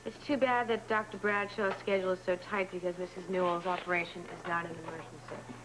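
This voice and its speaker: An actress playing a busy, tired hospital nurse in a 1980s TV soap, brisk and chatty. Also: female voice, lowish voice, flat delivery, background noise, natural voice. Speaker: scrub nurse. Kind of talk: 1980s TV soap opera acting.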